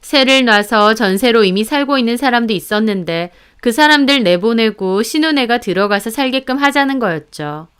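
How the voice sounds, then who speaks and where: A woman with a smooth, clear, fairly high voice tells a first-person story from a script. Her telling is steady and indignant. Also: moderate pace, few pauses. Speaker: narrator.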